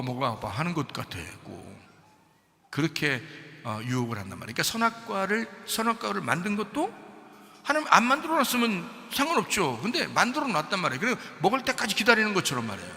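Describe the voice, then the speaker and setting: A male pastor delivering a lively, conversational sermon that swells into shouting. His voice sits fairly high and cuts through with a bright, forceful edge. The long reverb of a church sanctuary hangs on every phrase. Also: a little fast, creaky. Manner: animated storytelling, builds to shouting.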